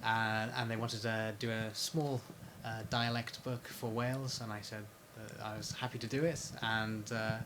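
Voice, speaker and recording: A man in a casual interview, talking about his research and book in a hesitant way, with many pauses and restarts. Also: lowish voice, little pitch movement, background noise. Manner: hesitant, lots of fillers and restarts. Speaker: interviewee, PhD researcher and author.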